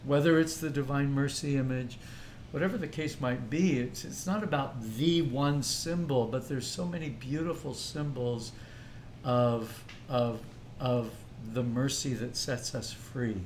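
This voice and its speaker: An older man who leads a ministry speaks earnestly and reflectively in a casual podcast discussion, going on in long, thoughtful runs. His voice is mid-range and measured in pace, with a little hiss or hum in the recording.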